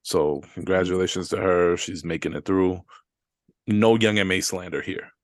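This podcast co-host has a deep voice and a steady tone, speaking at normal speed on a dry, studio-quality recording. His casual chat is relaxed and slangy, and he reads out comments from listeners.

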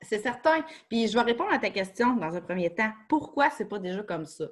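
A woman's voice: mid-range voice, animated, brisk. Québécois woman explaining children's yoga. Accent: Québécois French. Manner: explains step by step, casual fillers, spirited. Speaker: children's yoga educator in schools. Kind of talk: explanatory podcast chat. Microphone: studio microphone.

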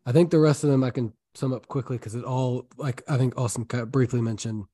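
A man co-hosting a casual movie review podcast, animated and joking as he rants about characters' dumb choices. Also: mid-range voice, quick pace. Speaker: podcast co-host.

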